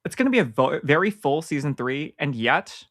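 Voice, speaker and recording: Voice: medium pitch, very animated, brisk, a bit bright, no room sound. A podcast co-host in casual chat, talking in a dry, wry and wordy way.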